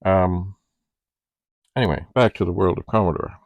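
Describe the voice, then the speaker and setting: His voice sits low at a normal speed, with no room sound and narrow, tinny audio. The man hosts a casual unboxing video, rambling and thinking aloud as he shows an item.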